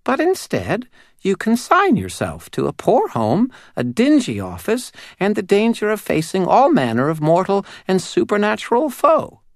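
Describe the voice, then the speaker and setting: A man's voice: high-pitched, huge pitch swings, normal speed, creaky, dry recording, clean studio sound, pitched above the performer's own voice, exaggerated voice. A male narrator voicing a small, prim female doll spirit who questions solemnly. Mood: probing.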